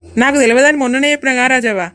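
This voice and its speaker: A polite village boy in a cartoon, eager and earnest, with a Telangana Telugu lilt, as a woman voices him. He talks high and quick, recorded close and dry. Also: fairly even intonation, a bit bright, no echo. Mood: helpful. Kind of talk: animated comedy voice acting.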